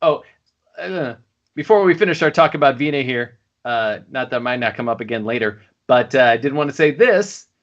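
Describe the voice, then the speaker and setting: A man's voice: medium pitch, expressive, moderate pace, a bit bright. Guy cohosting a podcast, rambly, lots of uh and you know, kinda lo-fi sound. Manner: rambling, many fillers and restarts. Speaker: podcast co-host. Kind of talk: casual chat.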